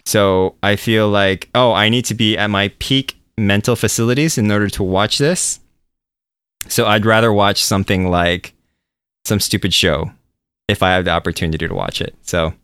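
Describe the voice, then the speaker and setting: A man with a lowish, resonant voice talks in a loose, meandering way. He sounds relaxed and pokes fun at himself. The sound is close and dry, with no room around it. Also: normal speed, clean tone, no room sound. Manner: relaxed, rambling, self-deprecating. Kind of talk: casual chat.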